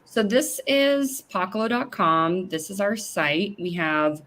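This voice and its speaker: A woman's voice: mid-range voice, slow pace, a bit bright. A woman, president of a company, talking as the guest in a casual interview over a video call, chatty and full of fillers. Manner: chatty, with many fillers and restarts.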